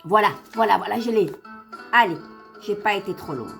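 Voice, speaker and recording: Over instrumental background music, a woman with a medium-pitched, gravelly, fairly bright voice speaks fairly quickly. She's an online tarot reader and host doing a relaxed reading for followers, encouraging and talkative, with a slight lisp. She repeats phrases to stress them and stumbles over words when she's pleased.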